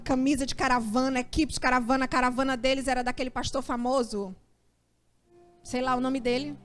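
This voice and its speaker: A Brazilian woman pastor with a notably high voice, preaching a sermon as a personal testimony. She tells the story with animation and acts out her own worried prayers. Soft music plays faintly behind her. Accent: Brazilian Portuguese.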